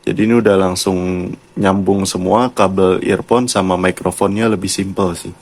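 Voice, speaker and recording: A YouTube motovlogger and product reviewer with a colloquial Jakarta Indonesian accent gives a laid-back, chatty product review, talking to viewers as if they're mates. His low voice keeps fairly even intonation at normal speed.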